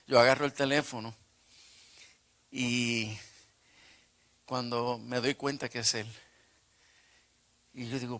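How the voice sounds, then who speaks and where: Bright-voiced man preaching a testimony. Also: medium pitch. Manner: emotional storytelling, surging to loud bursts. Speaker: pastor. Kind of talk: sermon testimony. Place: retreat conference hall.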